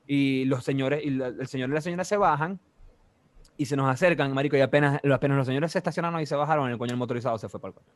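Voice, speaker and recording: A young man in his twenties with a Venezuelan accent, telling a story in casual chat, animated and full of slang and sound effects. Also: medium pitch, rapid-fire.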